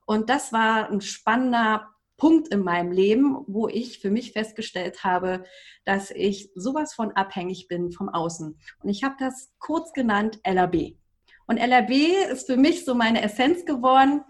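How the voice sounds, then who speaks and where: A woman in her forties, a coach and trainer, telling her personal story in an emphatic, animated way as a podcast guest. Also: a little high, moderate pace. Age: 40s.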